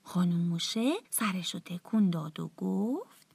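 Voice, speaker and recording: A woman telling a bedtime story to children in a soft, often half-whispered, tender voice. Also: on the low side, creaky, husky.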